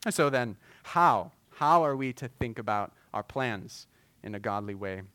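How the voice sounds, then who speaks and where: A man preaching a sermon as pastor, earnest and measured, with frequent filler words. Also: mid-range voice, expressive, sharp tone, dry recording.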